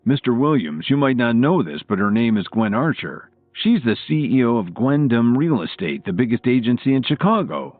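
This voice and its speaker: A man's voice: mid-range voice, very animated, normal speed, hardly any pauses, dry recording, faint music behind, voice pushed up. A man voicing a stern, commanding male hotel security chief who scolds staff, in an audiobook with tinny phone-like audio. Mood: explaining. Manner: brusque, scolding. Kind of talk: audiobook character voice.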